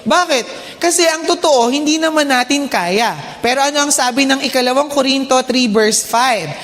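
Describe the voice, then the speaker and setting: A woman's voice: sits high, moderate pace, fairly bright tone. A woman with a Filipino accent preaching a sermon in a church hall, often asking the congregation "Okay?". She has slight trouble with the R sound. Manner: polite, checks in with the congregation with "Okay?"; mixes English phrases into her talk. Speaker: church speaker and children's teacher. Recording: long hall reverb.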